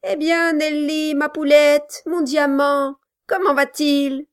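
A woman's voice: high voice, level tone, takes it slowly, voice pushed up. A woman reading an audiobook, voicing a malicious, cruel dwarf man who barks orders and taunts with mock sweetness. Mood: mock-sweet.

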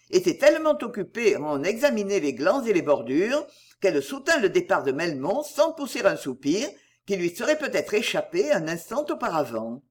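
Audiobook narrator, classic novel, lively intonation, husky voice. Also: medium pitch.

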